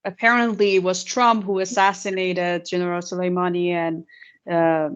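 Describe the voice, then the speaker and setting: A woman's voice: lowish voice, level tone, normal speed, clean tone, lo-fi sound. A woman from Iran, speaking as a guest in a casual political chat, hesitating often and using many filler words.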